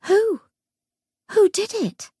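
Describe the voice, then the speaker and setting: A woman's voice: high-pitched, huge pitch swings, unhurried, darkish tone, no echo, studio quality, voice pushed up, full character voice. A woman voicing a fierce young woman shadow hunter who demands answers in an urgent, raised voice. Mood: demanding.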